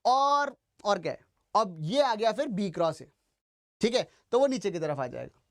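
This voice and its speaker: A man's voice: high-pitched, very animated, a little slow, a bit bright. A male teacher giving a step-by-step classroom lecture at a board, addressing his students directly and slipping English phrases into his Hindi.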